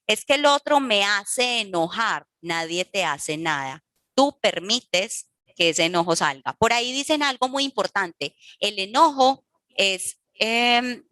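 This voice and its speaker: A woman's voice: medium pitch, a bit bright, no room sound. Dry-voiced woman teaching about emotions. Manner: didactic, checks in with "¿sí?" and "¿listo?". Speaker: workshop speaker for parents. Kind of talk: educational talk on emotions.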